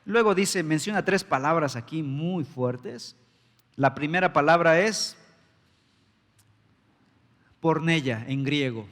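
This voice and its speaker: A man's voice: on the high side, expressive, takes it slowly, pauses often, a bit bright, in a large hall. A man preaching a sermon as pastor, emphatic and full of rhetorical questions, recorded in a church sanctuary.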